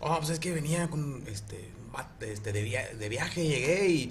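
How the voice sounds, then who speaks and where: A man's voice: a little high, expressive, unhurried, a little hiss or hum. A man with a Mexican Spanish accent, a podcast co-host telling crude jokes in casual chat, slangy and rambling. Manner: slangy, rambling storyteller full of fillers.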